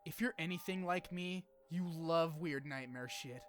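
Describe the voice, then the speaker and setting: Speaking a little slowly in a fairly high voice, a man narrates a scripted video essay about a game. The delivery is informal, sweary, and opinionated, dotted with casual asides, and music plays behind him.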